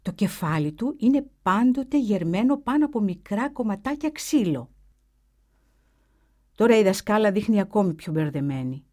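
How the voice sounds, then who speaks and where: Expressive woman narrating a storybook. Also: mid-range voice. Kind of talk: scripted textbook narration.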